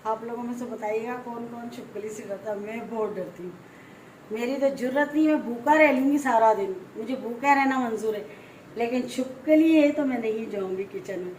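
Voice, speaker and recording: A middle-aged woman from Pakistan with a Pakistani Urdu accent, chatting casually in a family vlog at home and telling a story in an animated way, with lots of repetition for emphasis. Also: on the high side, moderate pace, a little hiss or hum. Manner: frightened and fretful at first. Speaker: vlogger. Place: home, moving between rooms and a balcony.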